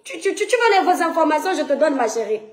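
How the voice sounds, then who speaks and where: A Cameroonian woman with a Cameroonian French accent, a social media personality based in France, rants heatedly to her followers, mocking and confronting her critics with rhetorical questions. Her voice sits high and swings widely in pitch, moving at a quick pace in a roomy-sounding space.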